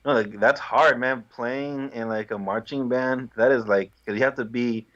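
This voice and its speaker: A man's voice: medium pitch, fairly even intonation, normal speed, fairly bright tone, dull audio. A young man from Guatemala, a musician guest on a video call, talking easily and laughing at himself. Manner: easygoing, laughs often, self-deprecating. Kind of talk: casual interview.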